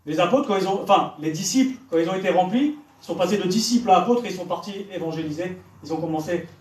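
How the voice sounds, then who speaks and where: A man's voice: sits high, fast. A man preaching to young people, pressing them with direct questions. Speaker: evangelist preacher. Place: church hall. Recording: echoey church hall, from far off.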